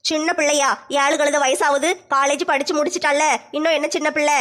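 Give me a woman playing a scolding elderly mother-in-law, rapid and monotone. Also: sits high, voice pushed down. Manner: scolding, complaining. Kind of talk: comedy skit acting.

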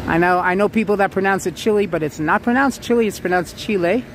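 High-voiced man with a Queens accent. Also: quick pace. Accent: Queens New York. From Queens, New York City. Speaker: livestream host. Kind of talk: casual walking livestream chat. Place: outdoors on a busy city sidewalk. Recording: noisy city street with traffic. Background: street ambience and passing cars.

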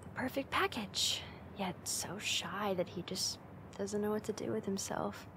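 In this ASMR roleplay, an actress voices a playfully teasing young roommate, her mid-pitched voice close to everyday speech and delivered slowly. The mood is tender and sincere yet giggly and coaxing, intimate and affectionate, recorded close to the mic with some background noise.

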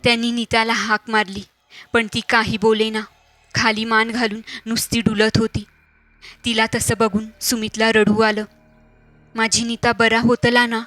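A woman narrating a scripted horror story in a steady, measured reading voice. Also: on the high side, dry recording, soft background music.

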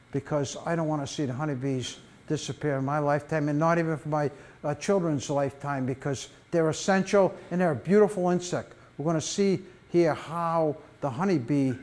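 An older man tells stories at a library beekeeping talk, his voice riding fairly high for a man. He is animated and folksy, full of asides to the room, and a lapel mic picks him up. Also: moderate pace. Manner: animated storyteller, wide gestures, folksy asides. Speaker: beekeeping presenter. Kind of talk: public talk with slides.

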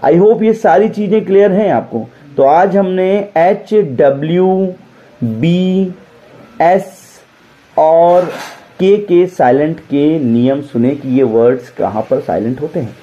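A man's voice: on the high side, slow, warm tone, dull audio. A man with an Indian accent teaching an English pronunciation lesson, spelling out words and asking questions that he answers himself. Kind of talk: classroom-style lesson on pronunciation.

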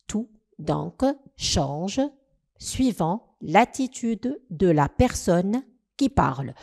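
A woman with a Tunisian accent teaches French grammar in a recorded lesson. She speaks slowly, listing words one after another. Her pitch moves widely up and down as she goes. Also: big pitch swings, vocal fry, darkish tone.

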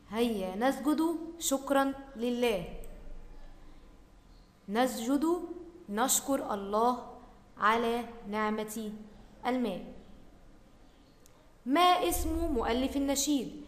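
High-pitched Egyptian teacher in an echoey room. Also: female voice. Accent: Egyptian Arabic. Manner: slow, stretched repetition of words for pupils, then quick asides. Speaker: primary school teacher. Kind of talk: recorded Arabic grammar lesson. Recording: echoey room with long reverb.

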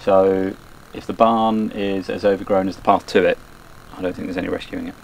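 A man's voice: low-pitched, fairly even intonation, brisk, creaky, a little mellow, a little hiss or hum, rough recording. A man in his thirties chatting dryly and wryly with his partner outdoors in overgrown countryside, a few steps from the camera. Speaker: vlogger's partner. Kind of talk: casual chat.

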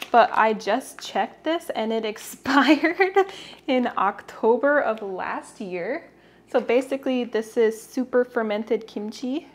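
Young minnesota woman vlogging, chatty and wry, a bit high voice, faint noise behind. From Minnesota, USA. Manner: chatty, wry, laughs often. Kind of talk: casual vlog chat.

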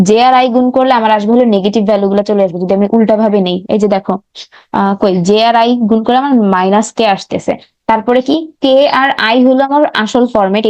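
A young woman, teaching an online recap lecture. Her voice is warm and mellow, and she talks through each step, pausing to correct herself. The recording is dry and a bit dull. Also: mid-range voice, no room sound. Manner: talks through steps on a board, frequent self-corrections and fillers.

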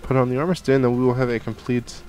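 A fast-talking young man with a mid-range, darkish voice and little pitch movement rambles through casual Minecraft let's play commentary. He's a gaming channel host catching a cold, speaking from his home gaming room with plenty of fillers and restarts. Slight background noise is picked up by his headset and desk studio mic.

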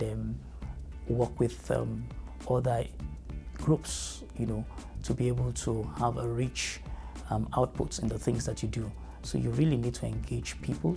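Middle-aged Nigerian man, gravelly mid-pitched voice, earnest interviewee over a music bed. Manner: measured, earnest, thoughtful with fillers. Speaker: family educator. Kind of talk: interview answers. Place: studio with dark backdrop.

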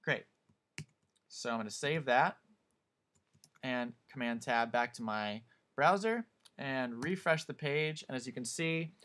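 A man teaching a class, talking through a screen-recorded software tutorial in a calm, step-by-step way. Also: medium pitch. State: hiccups.

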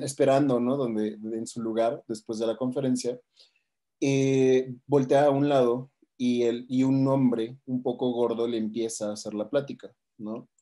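Rambling Mexican man, mellow voice. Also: mid-range voice. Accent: Mexican Spanish. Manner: rambling, tags lines with "¿no?". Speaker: coach and book summarizer. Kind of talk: casual book retelling.

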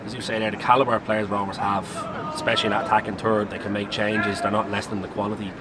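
An Irish man asks long, chatty questions at a quick pace, his voice slightly low. He is outdoors at a stadium, with clear traffic noise behind him. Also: level tone. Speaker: club interviewer. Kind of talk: post-match interview questions.

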